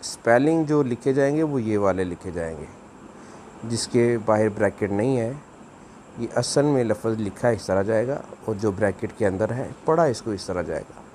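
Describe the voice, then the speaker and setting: A man's voice: on the low side, expressive, normal speed, a little mellow, a little hiss or hum. A man, giving a video language lesson, explaining patiently and repeating words for practice. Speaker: language teacher.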